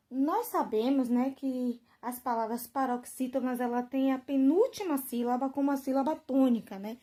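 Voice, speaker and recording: A woman's voice: high-pitched, dark tone. Patient schoolteacher woman. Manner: slow drawn-out stress on example words, frequent "né?" and "tá bom?" checks. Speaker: teacher. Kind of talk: classroom lesson for children.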